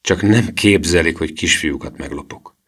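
A man voicing a smug adult male thief in an audiobook reading, slow, offhand and falsely polite. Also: low voice, fairly bright tone.

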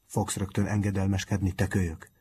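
A man voicing a stern but kind middle-aged male schoolteacher, gruff and loud when he exclaims. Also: sits low, flat delivery. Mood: gruff kindly.

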